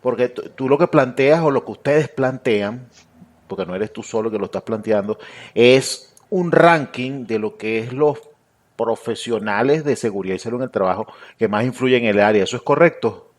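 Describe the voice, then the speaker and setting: Mid-pitched male podcast host. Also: moderate pace. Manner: formal greeting, brief agreeing backchannels. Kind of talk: podcast interview hosting.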